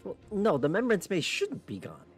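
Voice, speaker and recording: A woman's voice: medium pitch, wildly swooping pitch, normal speed, soft background music. A woman doing casual, joking, incredulous reaction commentary on a game's story as a streamer.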